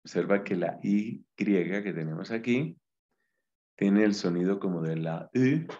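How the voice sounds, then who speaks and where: A friar with a low voice teaches a Bible Greek lesson, talking very slowly and patiently through each word. The sound is dull and lo-fi. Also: male voice, lively intonation, dark tone. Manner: slow, patient explaining.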